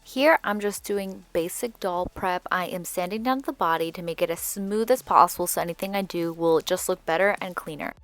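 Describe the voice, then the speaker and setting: A woman's voice: fairly low pitch, moderate pace, hardly any pauses, no echo. A woman with braces slightly altering her speech, giving a chatty, candid voice-over for a craft tutorial. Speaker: doll repaint tutorial host. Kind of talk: casual voice-over tutorial narration.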